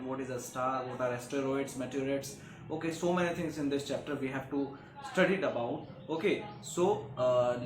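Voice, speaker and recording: A man teaching a geography lesson to schoolchildren, often filling pauses with "okay" and "uh". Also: mid-range voice. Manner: frequent "okay" and "uh" fillers, repetitive explaining. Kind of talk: classroom lecture. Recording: echoey room, faint background noise.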